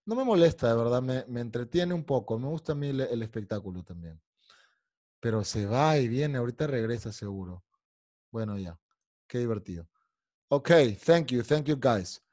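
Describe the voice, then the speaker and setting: A man's voice: medium pitch, lively intonation, normal speed, dark tone, no room sound, clean studio sound. A man teaching an online English class, explaining in Spanish and drilling pronunciation by singing along to lyrics. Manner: irritated, scolding a heckler.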